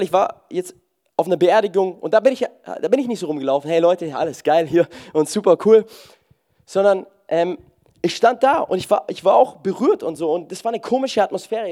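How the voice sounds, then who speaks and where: A man with a high voice preaches in a loose, joking way. He keeps throwing in "hey" and swings between loud bursts and soft, slow lines. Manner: casual, jokey, peppers talk with "hey". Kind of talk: lively sermon.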